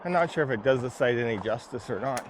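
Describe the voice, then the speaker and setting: A man's voice: mid-range voice, lively intonation, fast talker, a little hiss or hum. A man walking outdoors through ancient ruins, musing skeptically and a little tired from hiking. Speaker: vlog host. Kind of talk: casual walking commentary.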